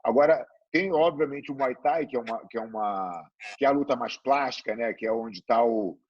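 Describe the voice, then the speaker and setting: A Brazilian man hosting a casual interview, chatty and relaxed, with lots of fillers. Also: mid-range voice, moderate pace, slightly rough, no echo, muffled recording. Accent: Brazilian Portuguese.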